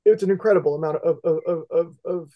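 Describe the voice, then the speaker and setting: A man's voice: a little high, fast talker. A middle-aged man from Indiana co-hosting a podcast, asking questions in a rambling, hesitant way with many fillers, over a headset on a video call. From West Central Indiana. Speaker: podcast co-host. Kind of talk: casual interview. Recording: dull lo-fi call audio.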